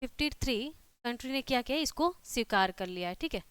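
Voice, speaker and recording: Clear, high-voiced Hindi-accented woman teaching. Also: expressive, brisk, a bit bright, no echo. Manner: repeats herself with constant "ठीक है" checks. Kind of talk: classroom lecture.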